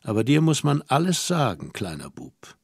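Brief: calm, motherly young woman who teases and scolds gently, no room sound, read by a man. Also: medium pitch, normal speed, husky, dry recording, clean studio sound. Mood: amused, scolding.

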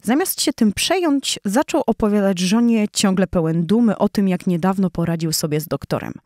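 A woman narrating a children's audiobook in a clear, even storytelling voice. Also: medium pitch, moderate pace, no room sound, clean studio sound.

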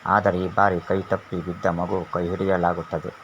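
Deep, flat-voiced male storyteller. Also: normal speed. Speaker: narrator. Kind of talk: storybook narration. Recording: dull lo-fi with faint hiss.

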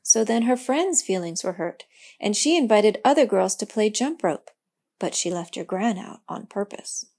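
Woman voicing a gentle old elm tree. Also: mid-range voice, normal speed. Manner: calm, gentle, reassuring.

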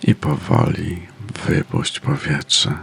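A man leads a guided meditation in an extremely deep voice with a creaky, gravelly edge. His delivery is soft and soothing, moving slowly with pauses between phrases. Faint music plays behind him. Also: fairly even intonation. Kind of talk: slow guided meditation narration.

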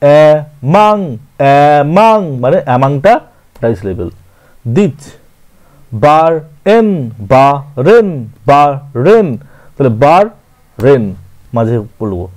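A man's voice: fairly high pitch, very animated, slow pace, a little mellow. A man with a Bengali accent teaching verse scansion, counting syllables aloud and correcting his own slips. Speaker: literature teacher.

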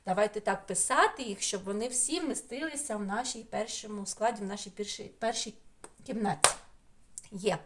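A woman teacher from Ukraine giving a remote lesson to small children, talking slowly in a sing-song way and drawing out single sounds. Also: mid-range voice, fairly bright tone, a little hiss or hum. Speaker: preschool teacher.

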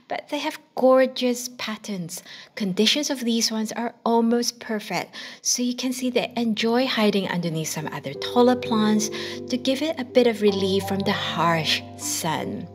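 A woman in her thirties, a host narrating a garden tour in a gentle, enthusiastic, explanatory way. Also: a little high. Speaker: plant channel host. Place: outdoors in a tropical garden. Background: background music.

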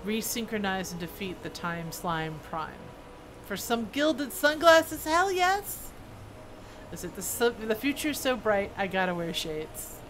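Very animated yet measured in pace, this female game streamer talks to herself as she plays, chatting loosely and now and then reading the quest text. Her voice is mid-range, with video game sounds clearly audible behind her.

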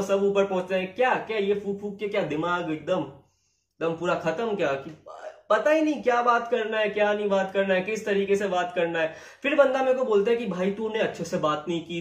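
A young YouTuber rants at the camera, confrontational and repeating himself. His voice sits high. It echoes around the room from a little off the mic. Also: far from the mic. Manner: heated, confrontational, repeats phrases. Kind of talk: angry rant to camera.

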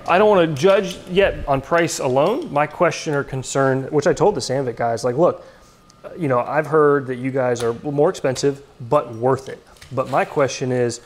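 Man rambling in a big echoing shop. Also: medium pitch. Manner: quick, rambling, upbeat, with many ums. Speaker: machine shop owner. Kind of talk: casual vlog talk. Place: large open machine shop workspace. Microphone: handheld camera close to face. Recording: reverberant hall with faint noise.

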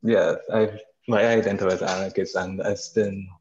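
A young man from Barbados, chatting casually as a participant on a video call, relaxed with fillers. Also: low voice, moderate pace, dull audio. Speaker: audience participant. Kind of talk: casual discussion.

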